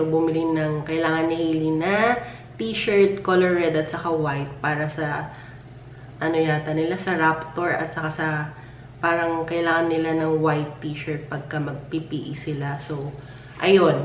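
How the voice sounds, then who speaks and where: Woman vlogger, chatty and giggly, low-set voice with a slight post-illness hoarseness, recorded from a distance in an echoey room with dull sound. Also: little pitch movement, normal speed, slight background noise. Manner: chatty and giggly, with frequent laughs. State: voice lowered and a little hoarse after illness, coughing. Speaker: family vlogger. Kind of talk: casual chat. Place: at home.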